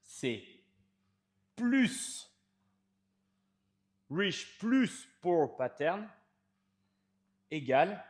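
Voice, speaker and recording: A man's voice: sits high, sing-song, very slow, long pauses. A man, a fitness coach explaining training to the viewer in an informal, emphatic way, stretching key words.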